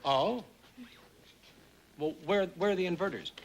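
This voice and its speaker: An actor playing a harried young newspaper reporter, exasperated and stammering, in a 1960s sitcom. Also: male voice, high-pitched, unhurried, background noise. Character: harried young male reporter, put-upon nephew.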